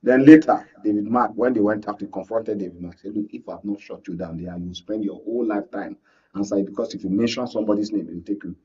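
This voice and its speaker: A Nigerian media analyst, a guest on a political panel discussion, speaks emphatically and drives his points home with rhetorical questions. His lowish voice is mellow, slightly rough, and quick, captured by a distant mic with dull lo-fi sound.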